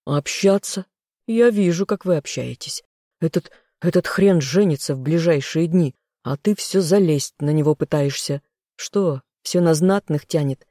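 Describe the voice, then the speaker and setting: A jealous, sneering young man who snaps out insults, as the reader puts him on. The voice is mellow and dark in tone, recorded close and dry, like a studio audiobook. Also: mid-range voice, measured pace, dry recording, close to an everyday voice. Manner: sneering, snapping.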